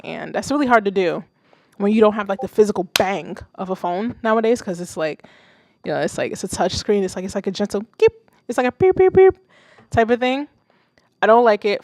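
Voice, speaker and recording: A young woman with a Haitian accent hosts a livestream, offering casual, rambling feedback on music that viewers submitted, swearing freely and laughing often. Her mid-range voice is a little mellow, recorded in studio quality with no echo.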